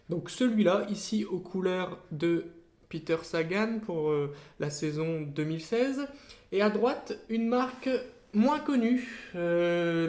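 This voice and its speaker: Halting host in an echoey room. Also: mid-range voice, darkish tone. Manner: halting, searches for words and corrects himself often. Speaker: channel host reviewing cycling gear. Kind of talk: casual product review. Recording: roomy, echoey room sound.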